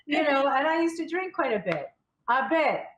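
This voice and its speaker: A woman's voice: high voice, big pitch swings, normal speed, fairly bright tone, low-quality recording. A woman who coaches and channels, telling her personal story as an interview guest in a candid way, often repeating and restarting words.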